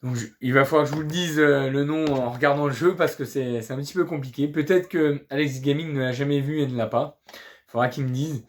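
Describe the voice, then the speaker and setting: A man's voice: medium pitch, steady tone, a little fast. Chatty, hesitant man showing his finds. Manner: chatty, hesitant, keeps restarting words and saying voilà; upbeat and pleased. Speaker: video game collector showing flea market finds. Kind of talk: casual unscripted vlog.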